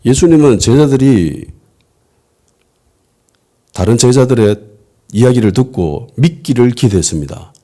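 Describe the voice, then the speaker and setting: A man's voice: mid-range voice, measured pace, pauses often. A man, a pastor preaching a conversational sermon and asking the congregation questions. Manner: lively, asks the congregation rhetorical questions. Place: church worship service.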